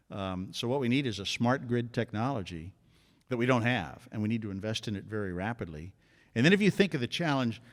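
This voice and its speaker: A man's voice: medium pitch, a bit bright. An older man giving a folksy campaign stump speech as a political candidate, building to a rallying finish. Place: large event hall. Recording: long reverb of a big hall.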